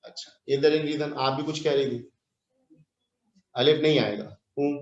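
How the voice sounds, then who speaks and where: This time the Pakistani English teacher sounds mid-range, fairly even in intonation and a little slow, as he quizzes students through a grammar lesson in Urdu laced with English. The online class audio comes across dull, roomy and distant.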